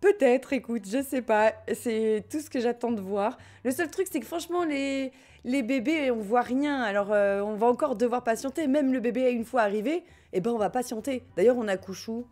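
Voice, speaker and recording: A woman's voice: fairly high pitch, moderate pace, a little mellow. A woman with a French accent chatting casually as she streams a life-sim game and reads her chat, joking and often laughing. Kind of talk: casual gameplay commentary, reading chat.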